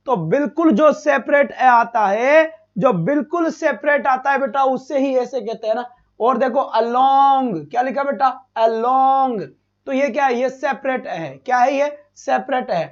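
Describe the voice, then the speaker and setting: A male teacher giving a live online class, asking questions and answering them himself, and bursting into loud praise. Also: extremely high pitch. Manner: addresses students as beta, asks and answers own questions. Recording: dull lo-fi stream audio.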